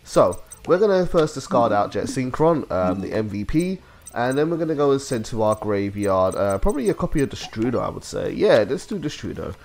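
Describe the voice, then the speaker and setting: A man talks loosely and conversationally over a card game, explaining each play as he goes. His voice sits at an ordinary middle pitch for a man. It is a relaxed voice-over recorded at a desk microphone. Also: fairly quick, gravelly. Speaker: gaming video host. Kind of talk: casual gameplay commentary.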